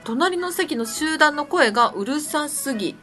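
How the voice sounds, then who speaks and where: A woman hosting a casual radio show, reading out a listener's letter, often giggling and answering with soft agreeing murmurs. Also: high voice, expressive, measured pace, faint music behind.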